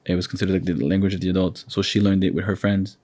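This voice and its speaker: A man's voice: low-pitched, little pitch movement, fast talker, no room sound. A man speaking as a podcast guest in easygoing conversation, thoughtful and agreeable. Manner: thoughtful, agreeable, warm affirmations. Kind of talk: casual conversation.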